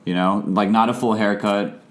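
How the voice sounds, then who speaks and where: A man's voice: on the low side, steady tone, moderate pace, fairly bright tone. A young man co-hosting a casual podcast chat, telling a rambling story and laughing through his words. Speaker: podcast co-host.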